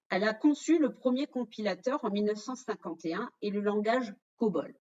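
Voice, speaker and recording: A woman hosts an online quiz, putting questions to her audience and walking through the answers in a lively, direct way. Her voice sits at a middling pitch. The audio has the slightly dull sound of a video call microphone. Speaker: webinar presenter running a quiz. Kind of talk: interactive online quiz presentation.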